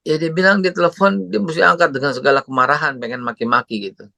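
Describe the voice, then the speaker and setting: A man's voice: on the high side, flat delivery, fast, vocal fry, bright, forceful tone, no echo. A man who preaches a parenting talk and tells stories animatedly, acting out voices. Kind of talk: religious parenting talk with storytelling.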